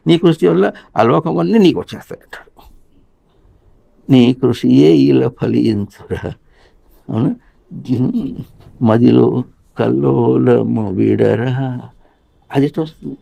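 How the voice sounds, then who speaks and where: A man teaches in a spiritual discourse, his voice deeply gravelly and dark in tone. He draws song lines out slowly in a chant and keeps asking his listeners rhetorical questions.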